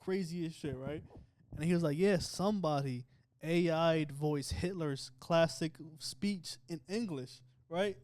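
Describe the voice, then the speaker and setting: A man's voice: a little high, unhurried, a little mellow. A man with a New Jersey accent, hosting a casual chat and telling a story, laughing often. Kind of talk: casual chat among friends.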